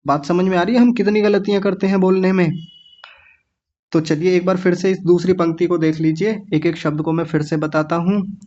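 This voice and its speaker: A man teaching children how to pronounce Sanskrit words, patiently breaking each one into syllables and saying them very slowly. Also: high-pitched, steady tone, mellow, muffled recording. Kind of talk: online lesson for children.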